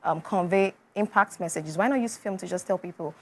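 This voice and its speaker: A young Nigerian woman speaks in a slightly low voice as an interview guest. She answers earnestly, pausing on ums and laughing easily between thoughts. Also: a little hiss or hum. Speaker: filmmaker guest.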